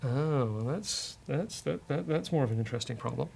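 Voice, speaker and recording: His voice is medium-pitched, gravelly and somewhat dark, animated and delivered at a moderate pace. The man, a developer who hosts the show, thinks aloud and mutters hesitantly through a casual coding session, with faint noise behind him.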